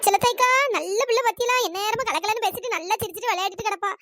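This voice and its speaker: Chipmunk-high gossiping women. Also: dry recording, studio quality, exaggerated voice. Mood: gossipy. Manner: excited, gossipy, rapid chatter. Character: chattering gossiping village women neighbours. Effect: sped-up high-pitched cartoon voice.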